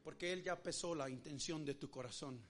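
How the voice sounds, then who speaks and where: High-voiced preaching pastor with a Rioplatense accent. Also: male voice, a little fast. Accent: Rioplatense Spanish. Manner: preaches with sweeping pitch swings, acts out quoted voices. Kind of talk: sermon.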